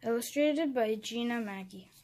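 A woman reading a children's picture book aloud, clear and expressive as she tells the story. Her voice sits a little high. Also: moderate pace. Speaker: narrator. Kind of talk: children's read-aloud narration.

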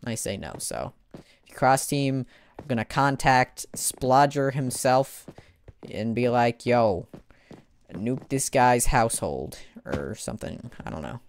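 Excitable gamer guy, slow and lively. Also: mid-range voice, gravelly, slight background noise. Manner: excitable, exclaims and laughs during play. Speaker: gaming livestreamer. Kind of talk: casual gaming livestream commentary.

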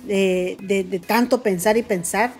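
A woman's voice: medium pitch, fairly even intonation, measured pace, darkish tone, soft background music. A woman hosting celebrity gossip commentary, telling the story in a dramatic, mocking way and calling her viewers family.

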